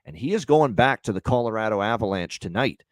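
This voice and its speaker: This is unscripted betting show commentary and promotion from a male host who stresses points by repeating phrases. He sounds low-ish, animated and brisk, with no room sound at all.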